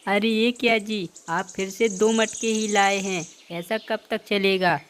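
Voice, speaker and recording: Woman putting on a shrill greedy crow wife. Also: fairly even intonation, a little slow, background noise, natural voice. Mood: nagging. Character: female crow thief, greedy, loud.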